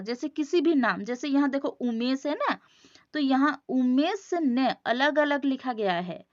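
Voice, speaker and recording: A woman with an Odia accent teaching a grammar lesson, slowly working through exercises, repeating each answer and checking whether her students follow. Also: high-pitched, dry recording, lo-fi sound.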